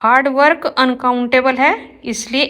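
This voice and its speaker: A woman with a fairly high voice gives a grammar lesson, taking her time overall. She stretches each example sentence out slowly and deliberately before a quick explanation. She talks to her viewers directly, like a teacher in front of a class. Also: steady tone, fairly bright tone. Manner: addresses viewers as guys and kids. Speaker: English teacher.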